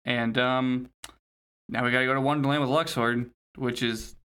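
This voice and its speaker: A man's voice: medium pitch, fairly even intonation, normal speed, pushed and bright, clean tone. A man co-hosting a podcast, recapping a story in casual chat with sardonic, sweary griping. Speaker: podcast host.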